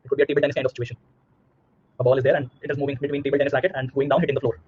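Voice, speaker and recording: A man's voice: medium pitch, level tone, very fast, a little hiss or hum. A man in his thirties with an Indian accent teaching a live online physics class, repeating himself and checking understanding with questions, slightly muffled.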